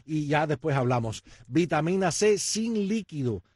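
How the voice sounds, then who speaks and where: A man with a Cuban accent voicing a busy male doctor who talks in a curt, hurried way. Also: a little high, expressive, darkish tone, breathy edge, dry recording.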